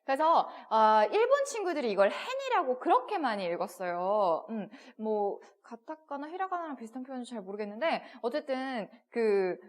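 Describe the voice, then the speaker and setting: A woman teaching Chinese in a textbook video lesson, explaining step by step with rhetorical questions and modelling pronunciations. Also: on the high side. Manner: models pronunciations in short repeated syllables.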